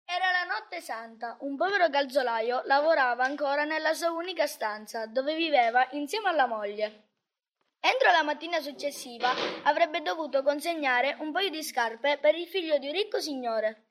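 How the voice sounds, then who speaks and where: High-voiced woman reading a storybook. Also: lively intonation, moderate pace, fairly bright tone, slight background noise. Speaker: narrator.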